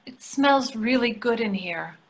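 Reading the role of a placating middle-aged wife with a gentle, dry needling streak, this woman in her sixties performs in a readers theatre play. She sounds animated and somewhat high, keeping a measured pace, from a plain room on a video call.

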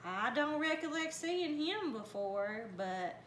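Brief: woman playing a jealous cowboy brother, slow drawl, roomy sound. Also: sits high, sing-song, a bit bright, voice pushed up, exaggerated voice. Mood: suspicious. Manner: drawling country talk. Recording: roomy, faint background noise.

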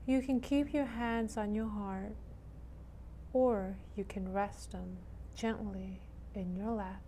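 A woman leading a guided meditation in a soothing, gentle manner, leaving long pauses between short phrases. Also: medium pitch, fairly even intonation, slight background noise.

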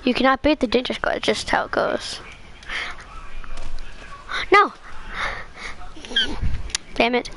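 A woman with a fairly high voice narrates her gameplay live. She swings between excitable trash talk at other players and quiet mumbling while she eats. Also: a little fast, hardly any pauses, in a whisper. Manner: trash-talking, excitable, swears; mumbles softly while eating. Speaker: gameplay streamer.

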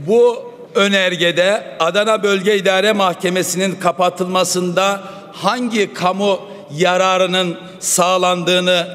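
A man stands at a rostrum microphone and gives a formal parliamentary address in a measured, oratorical manner. His voice sits fairly high for a man. The sound trails off in the long reverb of a large hall. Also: a bit bright. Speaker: member of parliament.

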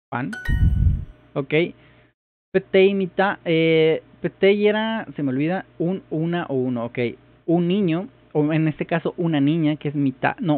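A man vlogging his first try at a new language, thinking aloud hesitantly and repeating phrases as he works them out. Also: fairly high pitch. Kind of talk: casual thinking-aloud commentary. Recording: tinny phone-like sound.

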